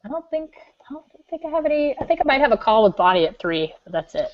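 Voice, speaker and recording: A woman from California, co-hosting a podcast, chatting casually with lots of fillers and animated storytelling. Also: on the high side, quick pace, muffled recording. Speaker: podcast co-host. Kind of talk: casual after-show chat.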